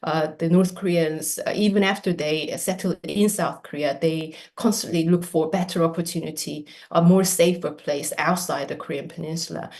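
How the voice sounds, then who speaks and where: Woman academic presenting; deep, steady lecture delivery. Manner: measured, lecture-like with fillers. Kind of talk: conference presentation.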